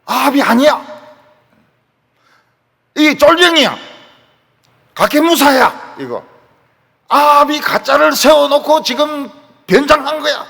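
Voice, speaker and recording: A loud, excitable enemy commander barks out his alarm, as a preacher puts him on in a sermon. The voice is raised high and tense, with a gravelly edge, and it rings through a reverberant hall. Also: slow pace, long pauses, exaggerated voice. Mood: excited shouting. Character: agitated enemy chariot commander, male, shouting orders.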